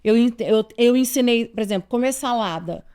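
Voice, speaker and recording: A woman's voice: a little high, moderate pace, warm tone, smooth. Earnest Brazilian woman in her forties. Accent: Brazilian Portuguese. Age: 40s. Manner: earnest, emphatic, repeats key advice, addresses listeners directly. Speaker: parenting advice host. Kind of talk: direct-to-camera advice talk.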